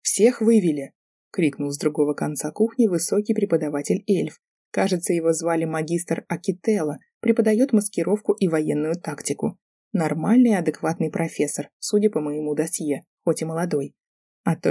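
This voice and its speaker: A woman reading a fantasy audiobook in steady, lively storytelling narration. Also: deep voice, husky, no echo, clean studio sound. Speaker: audiobook reader.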